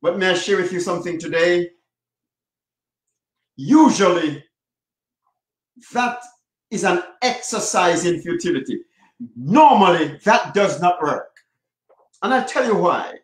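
A high-voiced man coaching on relationships, talking slowly and leaning hard on each point. He repeats his key phrases for weight. The sound bounces around an echoey room. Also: lively intonation. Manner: emphatic, repeats key phrases with slow drawn-out stress. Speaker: marriage coach. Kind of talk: advice talk to camera.

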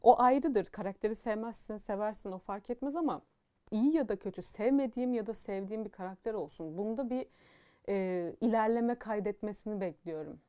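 Young woman, casual book reviewer, frank and animated, mellow warm tone, mid-range pitch. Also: a little fast, clear, resonant tone. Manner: animated, frank and opinionated, with many fillers.

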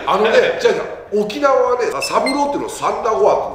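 A man, a retired ballplayer appearing as a guest, telling animated anecdotes in casual chat, acting out other people's lines and laughing often. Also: high-pitched, racing, a loud crowd. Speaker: guest, retired baseball player. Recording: very echoey room, voice a bit far from mic.

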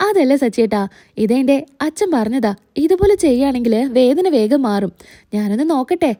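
A woman voicing a gentle young wife who coaxes her husband. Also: high voice, animated, brisk, dry recording, studio quality. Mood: coaxing. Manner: coaxing, pleading.

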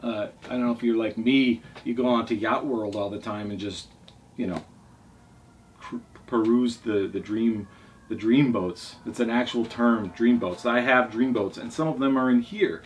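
A man in his forties with a medium-pitched voice chats at normal speed as a vlog host going through his favourite books at home. He rambles casually and enthusiastically while seated at a table in a small furnished room, recorded on a distant mic with noisy room ambience.

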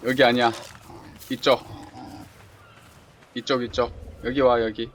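A man's voice: medium pitch, a little slow. A man giving casual running commentary while playing a survival game, talking to himself and urging on the creatures. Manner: talks to himself and the game creatures, excited exclamations. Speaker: game streamer. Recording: clear background game noise.

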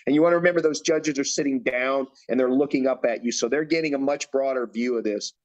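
A man's voice: medium pitch, quick pace. A man coaching a bodybuilder through posing routines, giving directions and repeating his cues. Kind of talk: instructional demonstration.

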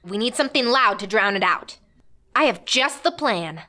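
A woman voicing an excitable, bossy girl toy who leads the gang in a cartoon, emphatic and youthful. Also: fairly high pitch, moderate pace. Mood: upbeat. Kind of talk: scripted toy animation voice acting.

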